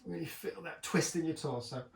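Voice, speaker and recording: A male fitness trainer, winded from the workout, coaches his viewers through each exercise with upbeat encouragement and wry jokes. His voice sits a little high and reaches the mic from a distance. The room around him rings with echo. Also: brisk, gravelly. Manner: encouraging, joking, breathing hard between exercises. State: out of breath. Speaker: personal trainer. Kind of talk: talking through a home workout.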